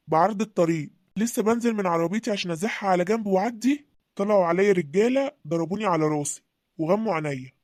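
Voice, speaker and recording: A voice actor playing a gentle young husband who speaks Egyptian Arabic in a calm, earnest storytelling voice. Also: medium pitch, no echo, clean studio sound, lightly acted.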